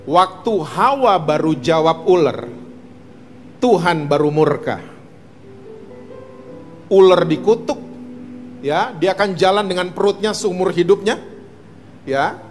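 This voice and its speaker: Brief: male pastor, high voice, sermon, long church reverb. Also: animated, unhurried, faint music behind. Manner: mixes English words, asks the congregation questions. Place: church hall.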